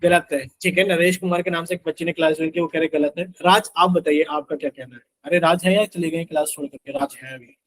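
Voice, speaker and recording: High-voiced man teaching math online. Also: expressive, fast talker, few pauses, fairly bright tone, low-quality recording. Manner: explains step by step, keeps asking students if it is clear. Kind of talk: live online math class.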